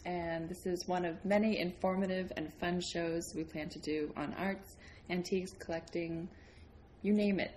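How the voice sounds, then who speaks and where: A woman's voice: lowish voice, fairly even intonation, normal speed, a little mellow, slight background noise. A woman co-hosting an interview podcast, reacting eagerly with gushing remarks. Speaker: podcast co-host. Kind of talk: casual interview. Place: large home studio.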